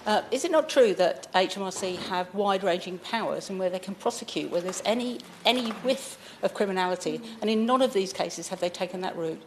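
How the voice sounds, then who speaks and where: A woman speaks quickly in a formal parliamentary intervention. Her pitch is average, and there is faint noise behind her. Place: debating chamber.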